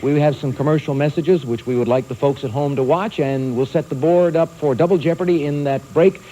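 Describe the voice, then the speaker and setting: A man hosting a quiz show, reading clues and calling on players in a brisk, teasing manner. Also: fairly high pitch, warm tone, a little hiss or hum, rough recording. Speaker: game show host.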